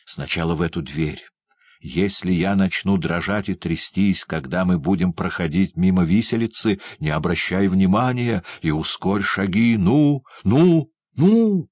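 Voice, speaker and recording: A man voicing a raving, terrified old male prisoner, bursting out shrill and frantic. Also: moderate pace, slightly rough, dry recording. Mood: pleading, frantic. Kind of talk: audiobook character voice.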